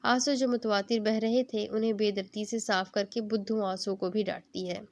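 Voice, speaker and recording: A woman narrating a romance novel in a steady, gentle reading voice. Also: mid-range voice. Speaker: novel reader. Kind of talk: storybook narration.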